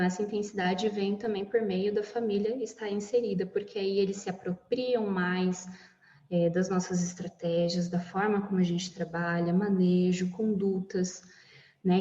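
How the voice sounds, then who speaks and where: A woman's voice: on the low side, warm tone, echoey room, big-room sound, muffled recording. A woman music therapist explaining her work in a casual podcast conversation, often adding "né" as she talks. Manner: explanatory, many "né" tags.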